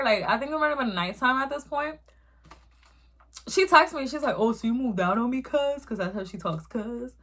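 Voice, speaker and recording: A woman's voice: on the high side, pushed and bright. A young woman, telling a profane, emphatic story in casual chat as she eats. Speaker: vlogger. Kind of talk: casual storytime while eating.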